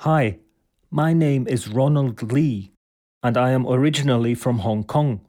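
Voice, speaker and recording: A man's voice: mid-range voice, a little slow, dark tone, natural voice. An actor reading a scripted testimonial as a father from Hong Kong who speaks thoughtfully about his son's schooling. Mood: approving. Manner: thoughtful, approving. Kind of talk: scripted testimonial for a listening test.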